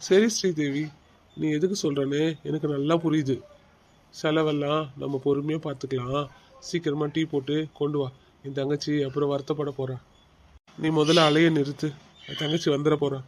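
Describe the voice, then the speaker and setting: A man's voice: on the high side, steady tone, moderate pace. A man voicing a stern husband in a cartoon family drama, firmly lecturing his wife about his sister. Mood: coaxing. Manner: firm, bossy, lecturing.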